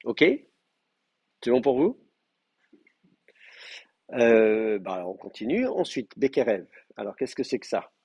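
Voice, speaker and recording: A man's voice: lowish voice, lively intonation, slow pace, pauses often, darkish tone, husky, no room sound, dull audio. A man teaching an advanced class in a live lecture, explaining patiently with frequent hesitations and fillers. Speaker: Hebrew teacher.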